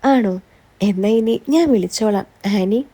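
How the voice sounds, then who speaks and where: A woman reading a young man's lines in a story, joking and gently flattering. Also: medium pitch, unhurried, breathy edge. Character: joking charming young man.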